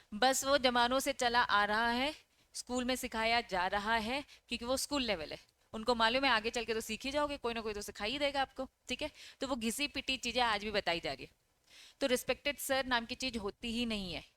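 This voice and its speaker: A woman's voice: on the high side, a bit bright, clear, resonant tone. A woman teaching an exam-prep lecture. She reads English lines from the text, explains them, and keeps asking her students questions and answering them herself. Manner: checks in often with "okay?". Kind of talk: online lecture.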